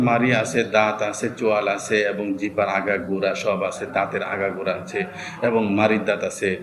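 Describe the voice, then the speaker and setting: A male teacher giving a slow, careful lesson on pronouncing Arabic letters, repeating each sound several times. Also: fairly low pitch. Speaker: Quran reading teacher.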